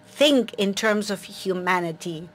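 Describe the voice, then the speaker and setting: A woman working as an interpreter, rendering a speaker's words into English in a steady, measured way with small restarts. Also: medium pitch, a little hiss or hum. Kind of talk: consecutive interpretation.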